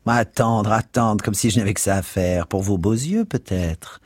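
A man reading aloud and voicing a brusque, talkative middle-aged cleaning woman who nags and scolds, in a husky voice. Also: on the low side, normal speed, no room sound, studio quality, close to an everyday voice. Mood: scolding.

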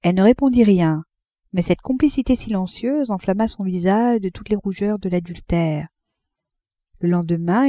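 Woman reading a novel out loud, calm and even, mellow warm voice, dry close mic. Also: fairly low pitch, no echo. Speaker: audiobook narrator. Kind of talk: scripted narration of a classic novel.

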